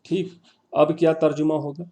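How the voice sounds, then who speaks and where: A man's voice: a little high, little pitch movement, mellow. A male teacher giving an online class, patiently repeating words and quizzing his students.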